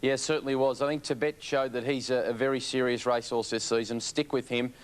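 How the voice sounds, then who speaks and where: A man's voice: mid-range voice, level tone, fairly quick, clean tone. An Australian man giving race analysis as a harness racing pundit on television.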